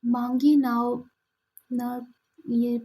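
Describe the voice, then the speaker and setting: A woman teaching an exam-prep lesson, explaining terms and reading verse examples aloud with pauses. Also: a little high, flat delivery, warm tone, slightly rough, rough recording.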